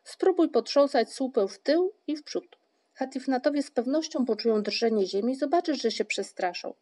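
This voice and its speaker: A woman's voice: sits high, lively intonation, normal speed, mellow, voice pushed up. Storybook: a clever, kindly young wanderer who explains things patiently, voiced by a woman.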